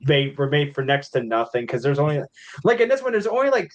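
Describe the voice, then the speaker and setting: Man, from the Midwest, podcast guest, animated, full of restarts, slightly high pitch. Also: fast talker, highs cut off. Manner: animated, restarts a lot, many "like" fillers. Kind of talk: casual podcast chat.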